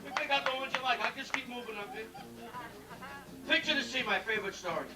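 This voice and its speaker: A man doing a stand-up comedy routine in a ship's cabaret lounge, telling jokes in a brash, rapid-fire way and teasing the audience. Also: extremely high pitch. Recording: echoey lounge recording from far off with band music.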